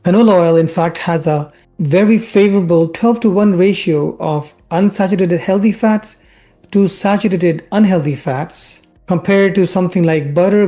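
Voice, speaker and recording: Here the Indian doctor, a family physician making health videos, speaks in a warm mid-range voice. He frames the research like a science show host reading a script, leaning on rhetorical questions and punching the important words.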